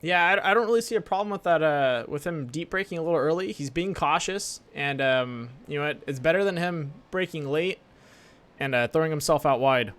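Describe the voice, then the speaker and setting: A man with a slightly high voice provides live commentary on a sim race. He talks as a casual motorsport commentator, informal and chatty, with a joking, off-the-cuff delivery. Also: lively intonation, brisk, a bit bright.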